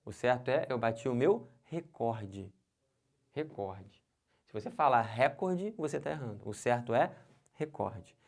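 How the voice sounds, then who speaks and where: A man with a Brazilian Portuguese accent teaching an exam-prep lesson on pronunciation, lively and checking in with his viewers constantly. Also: mid-range voice, fast, gravelly, few pauses.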